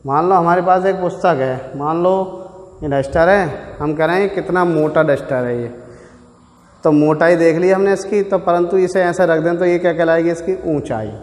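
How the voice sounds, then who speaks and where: A man's voice: a little high, moderate pace, darkish tone. A man teaching physics, patiently working through a numerical step by step and speaking directly to his students. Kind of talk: classroom lecture solving numericals. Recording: echoey classroom with long reverb.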